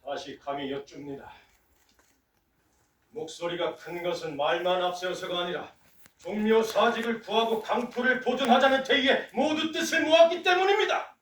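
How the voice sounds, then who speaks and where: A man's voice: high-pitched, moderate pace, a bit bright. A man playing an upright, defiant royal official in a historical stage drama, speaking in formal, archaic declamation. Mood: indignant. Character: upright, defiant male court official urging war. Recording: echoey hall, distant microphone.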